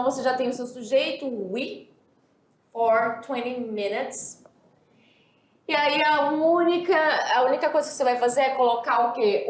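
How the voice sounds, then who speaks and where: A woman from Brazil teaching an English grammar lesson, reading example sentences slowly and explaining in quick asides. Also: fairly high pitch, reverberant.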